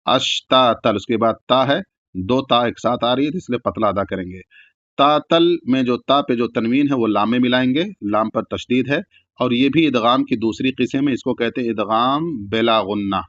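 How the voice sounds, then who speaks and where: A man teaching Quran recitation, chanting each verse slowly with long drawn-out sounds and then explaining the rules quickly in plain speech. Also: mid-range voice, a bit bright, dry recording, dull audio.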